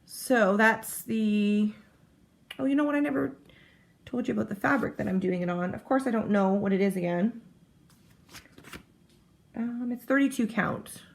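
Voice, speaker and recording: A woman's voice: fairly high pitch, moderate pace, vocal fry, pauses often. A woman chatting casually to camera about her cross-stitch project, rambling and often breaking off mid-sentence. She is heavily pregnant. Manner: chatty, rambling, self-interrupting.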